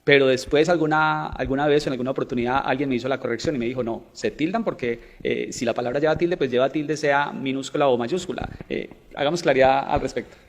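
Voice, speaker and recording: A man hosts a TV segment, asking questions and recapping the answers for viewers. His voice sits in a middle pitch and carries a long reverberant tail. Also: fast talker, few pauses. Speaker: host. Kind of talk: TV interview questioning.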